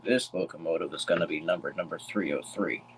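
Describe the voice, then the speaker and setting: A man with a very deep, gravelly voice, chatting casually and thinking aloud while he works on models during a livestream. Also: fast talker, slight background noise, poor audio. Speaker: livestream host building model trains. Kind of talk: casual chat while working.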